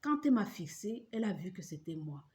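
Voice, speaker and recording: A woman's voice: mid-range voice, sing-song, fairly quick, a little mellow. A woman giving an emotional personal religious testimony, storytelling and acting out the voices in it. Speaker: testimony speaker.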